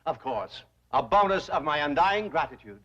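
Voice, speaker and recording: An actor playing a pompous, wheedling older bank president who flatters with flowery words, in 1960s sitcom style. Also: male voice, a little high, moderate pace, dull audio.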